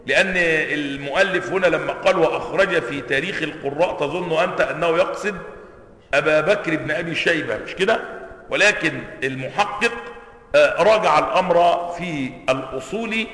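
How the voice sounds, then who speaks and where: High, bright Egyptian sheikh teaching. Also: male voice, a little fast. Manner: explains, asks the class questions, repeats words to demonstrate pronunciation. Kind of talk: classroom lecture on Quranic sciences. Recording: echoey hall, long reverb.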